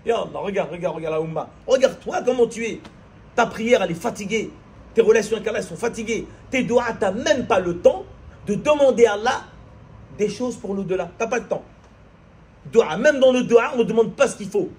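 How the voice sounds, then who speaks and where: Impassioned high-voiced male preacher. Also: animated, brisk, darkish tone, a little hiss or hum. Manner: impassioned, repetitive rhetorical questions, acts out little scenes. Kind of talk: sermon.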